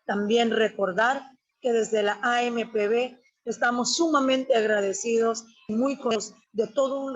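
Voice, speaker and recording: Emphatic woman giving a speech. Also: fairly high pitch. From Honduras, la Mosquitia. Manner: emphatic, declamatory, with long lists. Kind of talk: formal webinar address. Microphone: webinar audio feed. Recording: dull lo-fi webinar audio.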